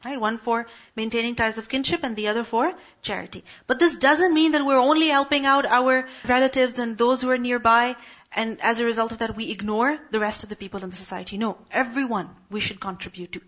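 A woman with a high voice teaches a Quran lesson to a class. She keeps asking her students questions and then answers them herself. The recording sounds dull and lo-fi. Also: fairly quick, fairly bright tone.

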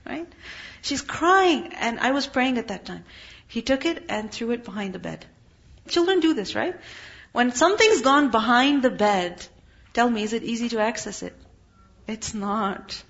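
A woman's voice: fairly high pitch, muffled recording. A woman giving an earnest religious lesson, often asking her listeners questions. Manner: earnest, asks the audience questions. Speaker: Islamic teacher. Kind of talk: Quran lesson talk.

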